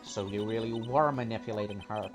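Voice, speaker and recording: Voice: mid-range voice, fairly quick, music in the background, natural voice. A person voicing an earnest, incredulous young male defence lawyer in a video game.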